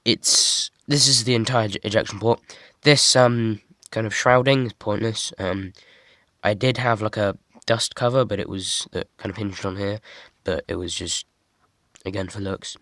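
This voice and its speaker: Halting, flat-voiced young guy. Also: on the low side, no room sound, studio quality. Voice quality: monotone, halting with many fillers. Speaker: hobby builder showing a model. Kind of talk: casual show-and-tell.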